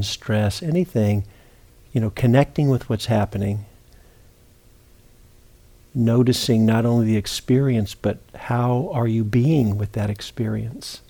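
Gentle and unhurried, a man with a low, mellow voice gives guided meditation instruction as a meditation teacher, leaving long pauses throughout.

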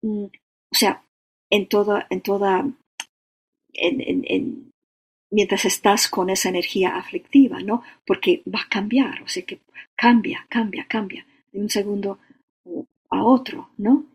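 Slow, gravelly meditation teacher. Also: medium pitch, fairly even intonation. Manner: slow, halting, with frequent "¿no?" and "o sea". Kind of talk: dharma talk and guided meditation.

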